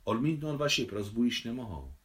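A man's voice: medium pitch, big pitch swings, voice pushed up, close to an everyday voice. A man voicing a shrewd, talkative woman, a marshal's wife, in an audiobook reading, chatty and lecturing. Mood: confident. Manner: chatty, self-assured, lecturing.

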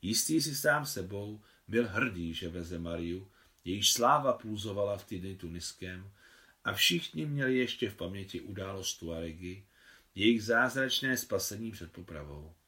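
A man calmly narrating a novel in a measured audiobook reading, as the translator of the text. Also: lowish voice.

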